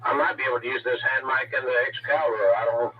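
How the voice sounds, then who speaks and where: A man chatting casually over a mistuned sideband CB radio, rambling and halting with lots of fillers. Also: medium pitch, fairly even intonation, over a noisy crowd. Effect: mistuned sideband CB radio transmission. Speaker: CB radio operator. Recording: tinny, distant, noisy radio signal.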